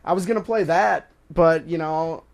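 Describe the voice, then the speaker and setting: A young man hosting a casual sports talk radio show, joking and rambling between topics and quick to laugh. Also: fairly high pitch, creaky. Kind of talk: casual college radio banter.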